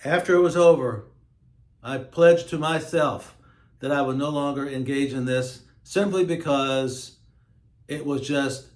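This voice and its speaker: A man hosting his own show, talking in a slow, emphatic, preachy monologue. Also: medium pitch, darkish tone, roomy sound. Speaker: host. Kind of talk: monologue to camera.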